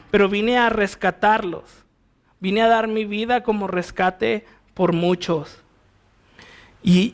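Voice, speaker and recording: Mexican pastor guy, kinda high voice, teaching verse by verse, chatty, keeps asking the crowd "right?". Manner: conversational, asks listeners rhetorical questions.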